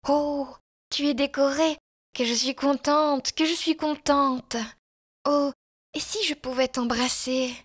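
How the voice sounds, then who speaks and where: A woman's voice: medium pitch, measured pace, natural voice. A woman voicing a sick, tearful young woman who speaks in breathless, emotional pleas, in a storybook reading. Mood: overjoyed.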